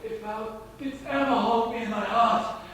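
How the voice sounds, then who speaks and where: A man's voice: sits high, steady tone, a little slow, a bit bright. In a distant, very echoey hall, a young man acts an anguished dying prince. The delivery is urgent Shakespearean stage acting. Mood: pained, pleading. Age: young adult. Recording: echoey hall, distant mic, faint noise.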